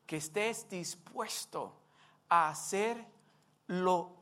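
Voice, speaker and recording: A male preacher giving a sermon, telling a story and acting out its scenes in an animated way. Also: sits high, extremely slow.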